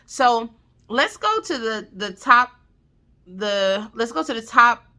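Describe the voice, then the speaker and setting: A woman's voice: a little high, animated, takes it slowly, bright, forceful tone. A woman with a Southern US country lilt gives casual, emphatic advice straight to viewers, repeating phrases for stress and checking in with listeners. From Southern United States. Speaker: vlogger giving family advice.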